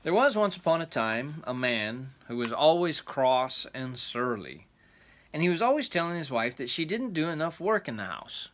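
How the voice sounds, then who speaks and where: Rambling grandpa storyteller with a bright voice. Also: male voice, a little high, very animated, normal speed. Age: older. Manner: rambling, folksy asides and plain explanations. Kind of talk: rambling grandpa story time, reading a folk tale aloud.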